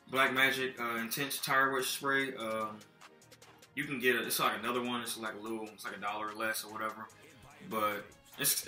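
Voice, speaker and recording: With a sharp-toned, mid-range voice, a young man from Texas loosely talks through a car care product rundown, laid-back and full of fillers. It's recorded indoors on a laptop's built-in mic in a dim apartment living room, with a roomy sound.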